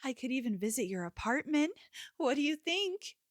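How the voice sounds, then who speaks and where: With a high-pitched voice full of big pitch swings at normal speed, a woman voices a possessive, obsessive young yandere for ASMR roleplay. She's intimate and coaxing, a lover with menace beneath, the mood sweetly menacing. It's a dry, studio-quality recording.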